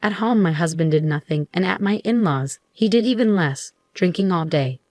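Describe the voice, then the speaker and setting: Woman reading a story, lowish voice, dry close sound, steady pace. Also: moderate pace, dry recording. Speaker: story narrator. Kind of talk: scripted narration.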